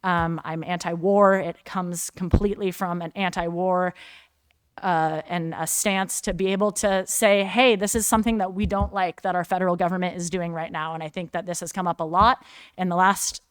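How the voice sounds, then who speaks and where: A woman in her thirties, a city council member, giving measured, earnest remarks with frequent ums. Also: lowish voice, fairly even intonation, smooth, dry recording.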